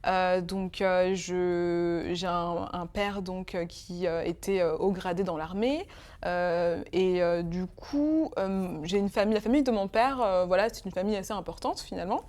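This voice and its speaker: This interview guest, a woman in her twenties from Congo, talks at a moderate pace in a lowish, darkish voice. The conversation is emotional, and she is hesitant, full of fillers and restarts.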